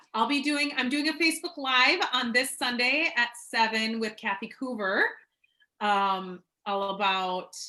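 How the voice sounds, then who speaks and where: Bright-voiced chatty woman leading a call. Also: fairly high pitch, rough recording. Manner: chatty, excitable, rambling. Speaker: team leader. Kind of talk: casual team call.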